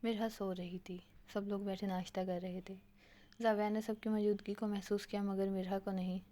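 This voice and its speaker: Woman narrating an audio novel, steady plain reading, mid pitch, pretty flat. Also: moderate pace.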